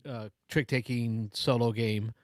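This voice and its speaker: A man's voice: medium pitch, fairly even intonation, a little slow, dry recording, studio quality. Chatty man in his forties hosting. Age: 40s. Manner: chatty, storytelling. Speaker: host. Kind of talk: casual chat.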